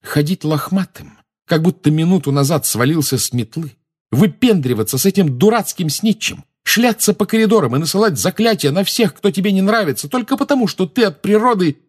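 A man voicing a sharp-tongued teenage girl who speaks with cutting contempt in an audiobook reading. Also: on the high side, sing-song, normal speed, voice pushed up. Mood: angry.

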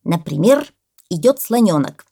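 A woman voicing a pompous male parrot who lectures loudly and exclaims often. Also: on the low side, very animated, unhurried, creaky, slightly rough, full character voice. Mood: lecturing.

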